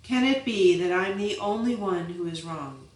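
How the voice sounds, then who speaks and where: A woman's voice: medium pitch, expressive, normal speed, a little mellow, far from the mic, lightly acted. A woman narrator voicing an earnest, frustrated young male monk who speaks intensely and broodingly. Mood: anguished. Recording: roomy, voice set back from the mic.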